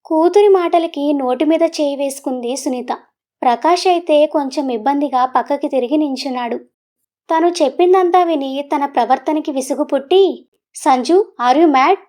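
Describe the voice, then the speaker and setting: A woman with a Telugu accent reading a romantic audio story as storyteller, in a steady, even way. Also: sits high, normal speed. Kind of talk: scripted audiobook narration.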